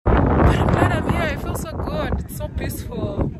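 A woman's voice: high voice, steady tone, normal speed. A young Kenyan woman chatting casually into her phone on a hike, switching between English and Swahili. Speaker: vlogger. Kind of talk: casual hiking vlog. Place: outdoors on a windy mountain trail. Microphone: phone camera held at arm's length. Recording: wind noise on phone mic.

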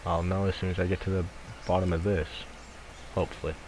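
A young man with a very deep voice talks over voice chat during a game. He thinks aloud and hesitates, filling pauses as he goes. Clear background noise runs behind him. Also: level tone. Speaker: multiplayer gamer.

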